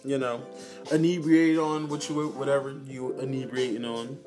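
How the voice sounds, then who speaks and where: A man's voice: mid-range voice, level tone, normal speed. A man co-hosting a casual podcast, slangy and playful, laughing often as he talks. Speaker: podcast co-host. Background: music playing.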